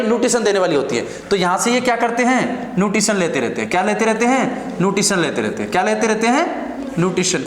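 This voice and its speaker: A man teaching a nursing exam class, lecturing at the board and drilling terms by asking and answering his own questions. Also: high-pitched. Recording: echoey classroom.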